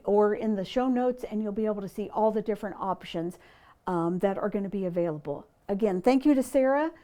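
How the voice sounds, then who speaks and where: A woman's voice: mid-range voice, warm tone. A middle-aged woman hosting a quilting tutorial, chatty and friendly, with frequent ums as she demonstrates sewing steps.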